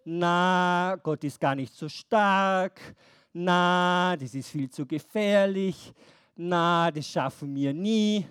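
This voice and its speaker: A timid crowd mutters its doubts in a low, complaining tone, voiced by a woman telling a Bible story to children. The sound is dry and close. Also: takes it slowly, smooth, dry recording. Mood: grumbling. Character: grumbling, fearful crowd of ancient Israelites.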